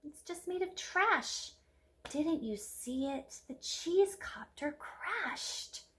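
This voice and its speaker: A woman's voice: sits high, lively intonation, takes it slowly, fairly bright tone, voice pushed up, heavily acted. A woman voicing a shy, easily discouraged young girl inventor from a storybook, in a dismayed, plaintive, dramatic manner. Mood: dejected.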